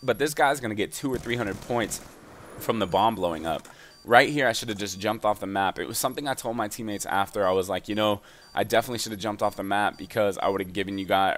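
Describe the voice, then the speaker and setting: Young man, low voice, rapid casual gaming voice-over commentary. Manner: fast, energetic and chatty. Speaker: gaming YouTuber giving fitness advice.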